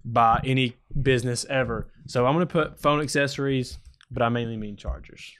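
Casual chat and friendly debate fill this podcast, where a twenty-something male co-host jokes dryly into a close stand microphone, headphones on, in a small indoor room. He has a medium-pitched, steady, slightly bright voice that sounds clean, and he speaks fairly quickly.

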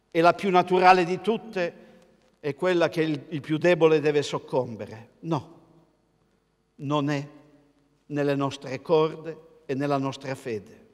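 An older man with an Italian accent preaches from the pulpit in a fairly high voice. His delivery is measured and emphatic, and he poses rhetorical questions to the congregation. His voice carries a long reverb through the large church. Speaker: pastor. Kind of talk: sermon. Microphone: pulpit mic, filmed by a camera across the church.

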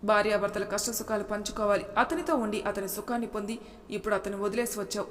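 A woman's voice: mid-range voice, fast, lightly acted. A woman doing a bitter, angry young husband. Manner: scolding, bitter. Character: angry hurt husband Sriman, young man. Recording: reverberant room with faint noise.

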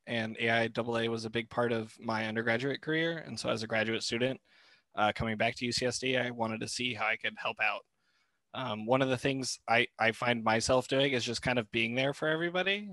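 A man's voice: mid-range voice, no room sound. Young man, graduate student, easygoing video-call intro, dry close sound. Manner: relaxed, with fillers and restarts. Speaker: graduate liaison. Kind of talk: casual club meeting introduction.

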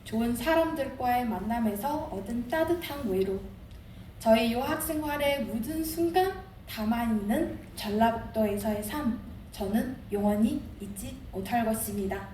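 A woman's voice: on the high side, normal speed, dark tone. A young woman from Inner Mongolia, China, with a Chinese accent, delivers a rehearsed contest speech as an international student in an earnest, declamatory way. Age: young adult. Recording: roomy, distant mic, audible background noise.

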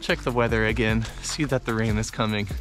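A man's voice: fairly low pitch, steady tone, brisk, a bit bright, soft background music. A man narrating his hike outdoors on a rainy forest trail, casually explaining his route step by step. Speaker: hiking vlogger. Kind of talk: casual narration to camera while hiking.

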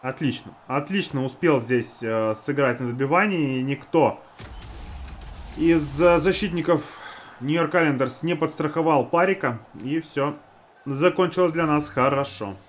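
A man's voice: on the high side, measured pace, slight background noise. A man giving casual play-by-play of a hockey video game, talking to the players and to himself. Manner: talks to teammates and himself. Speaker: gamer narrating own hockey video game.

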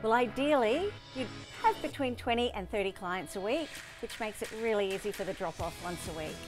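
Wearing a lapel mic, a middle-aged shop owner with an Australian accent enthusiastically explains a service in a promotional interview, speaking a little fast with lively intonation at medium pitch. Background music plays as she talks in the shop's stockroom, then outside by the bins.

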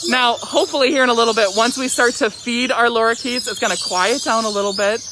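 A woman hosting a live zoo show in an excited, chatty way, her voice slightly muffled through a face mask. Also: on the high side, fast. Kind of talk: upbeat live-stream presenting. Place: outdoor zoo by a lorikeet aviary. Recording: very noisy aviary, loud bird and animal calls. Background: loud bird calls and chirping.

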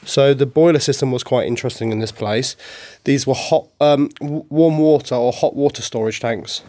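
A middle-aged man, chatting casually and explaining things while touring a dark stone basement. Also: mid-range voice, normal speed. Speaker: vlogger touring a building. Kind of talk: casual chat.

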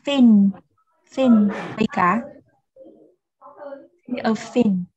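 Slow, deliberate woman teaching kids. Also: a little high, highs cut off. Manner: slow, deliberate repetition of words, gently correcting pronunciation. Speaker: English teacher. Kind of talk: children's English vocabulary drill.

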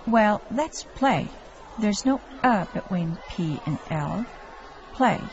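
A woman voicing a patient female English teacher in a scripted textbook audio dialogue, explaining calmly and clearly. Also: medium pitch, lightly acted. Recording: dull lo-fi audio with faint hiss.

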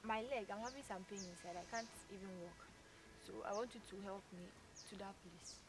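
A young woman playing a hurt, polite woman begging a stranger for help, her voice soft and full of pleas. The recording carries clear, steady background noise. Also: medium pitch, a little fast, lightly acted. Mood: pleading. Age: young adult. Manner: soft, polite pleading, says please constantly. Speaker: actor in a short film. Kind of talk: short-film drama acting. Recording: noisy outdoor recording.

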